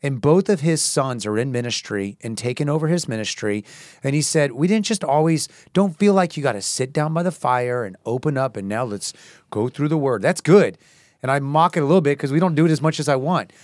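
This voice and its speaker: A man's voice: medium pitch, lively intonation, brisk, dry recording. Earnest man in his forties, dry sound. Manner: earnest, warm encouragement with many "yeah"s. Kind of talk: faith-based casual chat.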